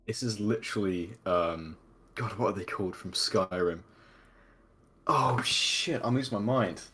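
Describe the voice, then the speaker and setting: A man's voice: lowish voice, a little slow, a bit bright, slightly rough. A man playing a tabletop role-playing game, chatting casually and narrating his character in a rambling, informal, sweary way.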